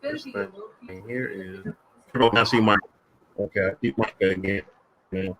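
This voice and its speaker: A man hosting a casual livestream call, talking haltingly with many fillers and restarts while he sorts out the connection. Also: on the low side, big pitch swings, fairly bright tone, rough recording. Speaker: livestream host.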